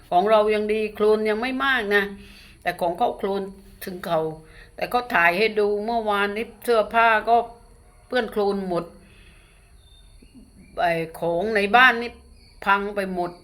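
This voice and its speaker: A woman's voice: mid-range voice, fairly bright tone. A middle-aged woman with a Southern Thai accent delivers an earnest radio sermon in a medium voice. She exhorts her listeners directly as brothers and sisters. She also leads a prayer in short, repeatable phrases. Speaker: radio DJ and lay preacher. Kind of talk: sermon with sung verses and led prayer.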